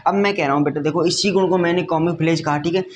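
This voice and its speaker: A man with a fairly high voice and fairly even intonation talks fast while teaching a science lesson at a whiteboard. He repeats his points, calls students "beta," and keeps asking whether they've understood. Slight background noise is present.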